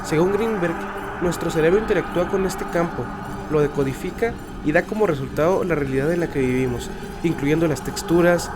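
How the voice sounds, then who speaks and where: A man reads scripted mystery narration like a dramatic horror trailer. His voice sits a little high for a man, and music plays clearly behind him. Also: a little fast. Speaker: podcast narrator. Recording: music bed under the voice.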